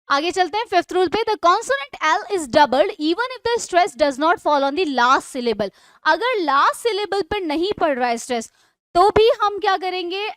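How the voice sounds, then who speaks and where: A woman teacher explaining English spelling rules in an online class, asking questions and answering them herself, and reading the rules out slowly. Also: sits high, no room sound. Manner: explains in Hindi mixed with English, asks and answers own questions.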